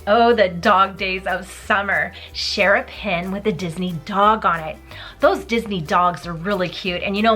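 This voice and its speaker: Woman, enthusiastic collector vlog host, bright forward voice, light music underneath. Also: mid-range voice. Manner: gushing, enthusiastic, chatty. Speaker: pin collector vlogger. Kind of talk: casual show-and-tell vlog.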